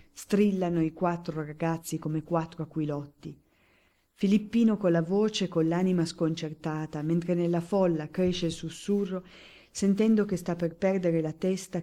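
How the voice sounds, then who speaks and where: Give me a woman narrating an audiobook with a low, mellow voice. She reads in a measured, expressive way, and her tone stays warm and unhurried from one passage to the next.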